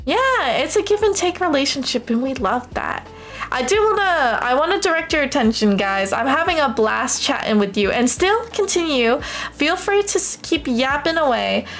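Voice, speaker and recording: With a high voice, a young woman from the United States talks to her livestream viewers, casual and expressive. She comes across as affectionate and gushing.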